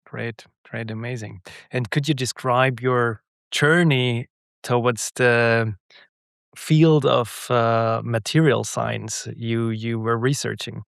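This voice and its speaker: Male podcast co-host interviewing a guest; friendly and effusive, with a gravelly edge. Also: medium pitch, steady tone, takes it slowly, a bit bright, no room sound, clean studio sound.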